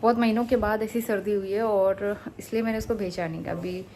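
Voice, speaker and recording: A woman's voice: mid-range voice, steady tone, brisk, slight background noise. Chatty young woman vlogging at home. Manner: warm, homely and talkative, speaking to viewers and her child. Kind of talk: casual chatty vlog narration. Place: at home, indoors.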